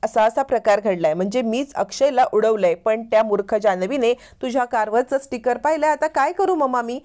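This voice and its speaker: A woman's voice: fairly high pitch, fairly quick, a little mellow, close to an everyday voice. A woman voicing a scheming young woman who pleads tearfully, in a retold TV drama. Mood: pleading.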